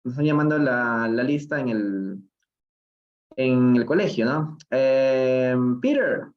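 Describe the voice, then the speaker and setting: The recording is muffled, carrying a man's mid-range voice with a Peruvian accent. He leads a live-streamed reading lesson in English, explaining phrases slowly in Spanish and repeatedly checking in with "¿no?".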